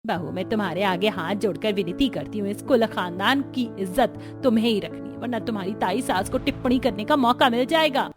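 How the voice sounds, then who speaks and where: A woman voicing a humble, gentle older mother-in-law in a cartoon, earnest and pleading. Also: fairly high pitch, expressive, moderate pace, music in the background, natural voice.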